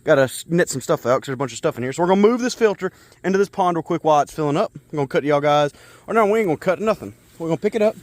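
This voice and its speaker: A man's voice: fairly high pitch, expressive, very fast, few pauses. A man chatting casually as he tends backyard fish ponds outdoors, rambling and narrating each chore. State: out of breath. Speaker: pet keeper vlogger. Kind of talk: casual outdoor pet vlog. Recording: loud backing music over the voice. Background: hip hop music.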